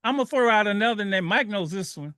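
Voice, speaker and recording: A man's voice: high-pitched, lively intonation, fast talker, sharp tone, clear, resonant tone, no echo, clean studio sound. A man hosting a call-in radio show who talks with energy, repeats his phrases and laughs easily. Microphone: studio microphone.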